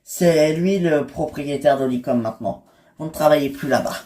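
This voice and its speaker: A woman's voice: low-pitched, moderate pace, noisy background, natural voice. A woman voicing a formal male clerk who apologetically delivers bad news, in a toy-figure soap drama. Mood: apologetic.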